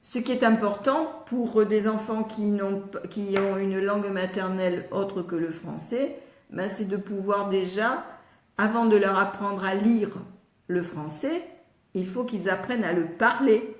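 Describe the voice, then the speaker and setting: An older French woman speaks in a slow, unhurried way, with a voice neither high nor low. She patiently sounds out letters and syllables, hesitates now and then, and her voice echoes in the room around her. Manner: reads viewers' questions aloud, frequent hesitations. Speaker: speech therapist answering live questions. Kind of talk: live Q&A teaching.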